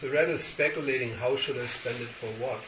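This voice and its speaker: A man's voice: medium pitch, steady tone, crowd noise. Older man teaching in an echoey hall. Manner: measured, pauses for translation. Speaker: spiritual teacher answering questions. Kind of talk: sermon Q&A with interpreter. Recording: echoey hall, distant mic, background noise.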